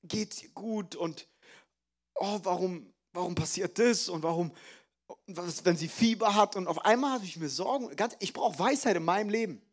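A young male pastor with a high, bright voice preaches at normal speed, lively and joking, sprinkling English phrases through his sermon. He moves between energetic emphasis and quieter personal storytelling.

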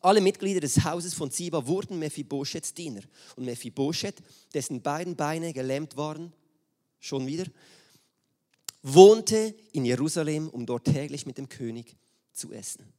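A man delivers a sermon to his congregation. His voice sits a little high, and he reads the scripture with lively expression, shifting his tone for the quoted speakers. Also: moderate pace. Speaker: preacher. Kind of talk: sermon with Bible reading. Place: church hall with screen.

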